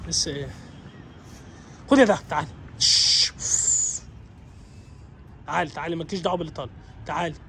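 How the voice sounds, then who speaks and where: A man's voice: fairly high pitch, rapid-fire, gravelly, pauses often, a little hiss or hum. A man with an Egyptian Arabic accent, a dog trainer vlogging and giving his dog short, repeated commands.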